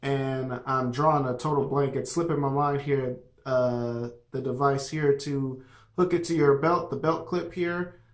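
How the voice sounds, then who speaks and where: A man's voice: medium pitch, fairly even intonation, unhurried. A man casually reviewing a product, rambling with many fillers and restarts. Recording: echoey room.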